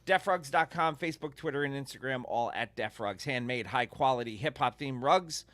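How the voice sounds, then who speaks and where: A man's voice: mid-range voice, normal speed, fairly bright tone, dry recording. A man co-hosting a podcast, chatting loosely, laughing and reading sponsor spots. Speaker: podcast co-host. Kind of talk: casual chat and sponsor reads.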